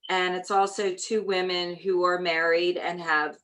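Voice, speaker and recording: A woman from New Orleans, a shop owner talking as an interview guest, telling her story in a chatty, animated way. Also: fairly low pitch, measured pace, rough recording. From New Orleans, USA. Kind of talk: casual conversational interview.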